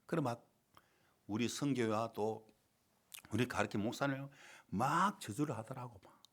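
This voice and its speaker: A middle-aged male pastor preaching a sermon in a church, telling a story with dramatic swings between loud and quiet. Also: medium pitch, normal speed. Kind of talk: sermon with acted-out quotes. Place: church sanctuary.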